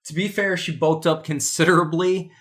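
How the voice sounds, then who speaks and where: Female co-host with a lowish voice, casually debating and pushing back in a measured way. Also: steady tone. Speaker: podcast co-host.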